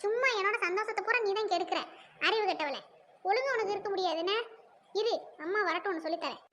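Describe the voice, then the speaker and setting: A woman's voice: extremely high pitch, fast talker, fairly bright tone, muffled recording, slight background noise. A woman playing a bossy, vain cartoon big sister. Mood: bickering. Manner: haughty, quarrelsome. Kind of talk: cartoon voice acting.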